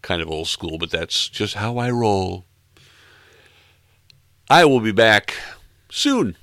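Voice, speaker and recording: Deep-voiced, bright-edged male podcast host. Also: slow, no echo, clean studio sound. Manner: relaxed, wry and self-deprecating, with easy chuckles. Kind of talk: casual back-announcing of a music podcast.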